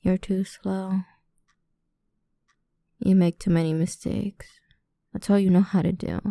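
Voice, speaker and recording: In an ASMR roleplay, a woman plays a cruel, domineering female boss toying with an employee, speaking with a scornful, cold condescension. Her warm, medium-pitched voice stays fairly even, deliberate and drawn out, often dropping into breathy whispers on a close, dry microphone.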